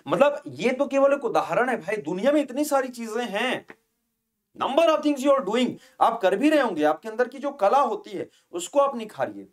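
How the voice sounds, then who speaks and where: A man teaching exam students in a motivational lecture, asking rhetorical questions and mixing in English phrases. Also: high-pitched. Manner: addresses students as friends and children, rhetorical questions; casual speech mixed with English phrases.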